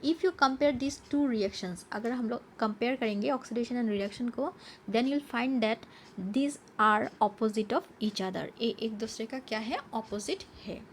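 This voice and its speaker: A fairly high-voiced woman teaches a science class from slides. She poses questions to herself and answers them, and she slows down to read English definitions. A faint hiss of noise sits under the recording. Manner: switches between Hindi and English, reading English definitions slowly. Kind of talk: slide-based lesson explanation.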